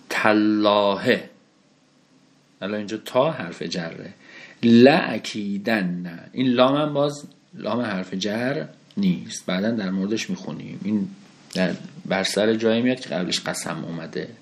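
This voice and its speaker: A male teacher in the middle of a grammar lesson. He puts questions to the class and answers them himself. He slows down to read Arabic phrases before explaining them. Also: on the low side. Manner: lively explaining, asks and answers his own questions; reads Arabic textbook phrases slowly, then explains them.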